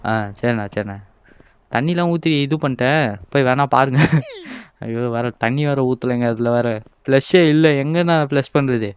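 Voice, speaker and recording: A young man with a clear, resonant voice comments on a horror game at normal speed with long pauses, sounding playful and exasperated as he voices the game's characters. When he gets scared, he switches to a shrill panic.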